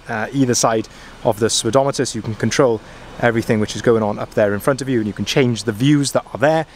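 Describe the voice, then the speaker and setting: A car sales manager gives a chatty, enthusiastic walkaround review of a pickup truck, full of ums and uhs, filmed on a handheld camera. He starts inside the truck and then moves outdoors to the dealership yard. His voice is mid-range, with a little hiss or hum.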